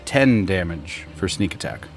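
A man's voice: deep voice, lively intonation, unhurried, soft background music. A man chatting casually as a player in a tabletop game.

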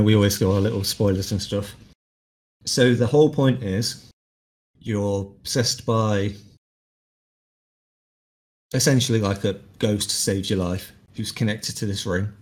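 A man's voice: lowish voice, measured pace, pauses often. A man co-hosting a podcast, casually retelling stories with plenty of ums. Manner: relaxed storyteller, uses lots of fillers. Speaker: podcast co-host. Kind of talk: casual chat.

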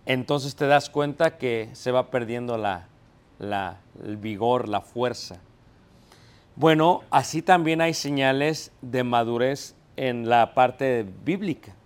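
A man's voice: mid-range voice, smooth. A man preaching a sermon, putting questions to the congregation, answering them himself and acting out everyday scenes in quoted voices.

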